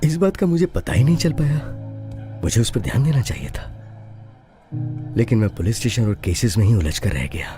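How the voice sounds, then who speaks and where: A man's voice: fairly low pitch, very animated, normal speed, long pauses, mellow, faint music behind. An actor dubbing an aging, honest policeman and bitter widower, mournful and deferential, his voice breaking with tears. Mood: grieving. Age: older. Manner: mournful, deferential, repeats "sir". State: tearful, voice breaking. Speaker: suspended police officer. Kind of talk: dubbed film dialogue.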